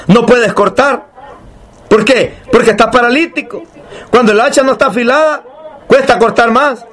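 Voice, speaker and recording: A man preaching a sermon, emphatic and repetitive, asking rhetorical questions and slowing down to read scripture aloud. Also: very high-pitched, fairly bright tone.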